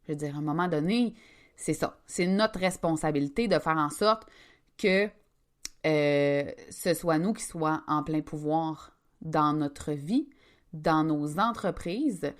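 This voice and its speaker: A woman's voice: low-pitched, slow pace. A woman with a Québécois accent hosting a casual business podcast, chatty and emphatic, talking straight to her listeners. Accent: Québécois French. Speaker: podcast host, business coach.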